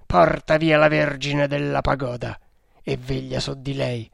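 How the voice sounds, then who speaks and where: A man's voice: medium pitch, flat delivery, a little slow, vocal fry, no room sound, studio quality. A man voicing a cruel, fanatical male temple priest in an audiobook, speaking sternly and without mercy. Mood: menacing. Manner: stern, implacable, menacing. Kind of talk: audiobook character reading.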